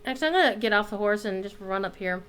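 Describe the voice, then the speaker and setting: A woman provides casual live commentary while streaming a game, playful and expressive and a bit salty in her language. Her voice sits at a medium pitch and flows quickly and smoothly.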